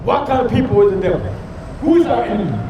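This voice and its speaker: Loud high-voiced male street preacher. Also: big pitch swings, fast talker, vocal fry, muffled recording, very noisy. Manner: loud, emphatic, quizzing passers-by. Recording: distant, echoey street recording with music.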